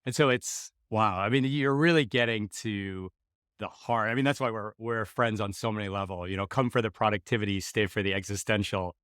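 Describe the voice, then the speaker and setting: An American man hosts a podcast, talking in a loose, animated, rambling way and dropping the odd swear word. His voice sits somewhat low for a man. The sound is close and dry, with no room around it. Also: a little fast, clear, resonant tone, no room sound. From United States. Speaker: podcast host. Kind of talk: casual conversation.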